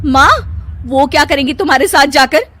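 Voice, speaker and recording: A woman voicing a spiteful young sister-in-law, haughty, shrill and demanding, in a family drama story. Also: brisk, bright, forceful tone. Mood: nagging, insistent. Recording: noisy background hiss.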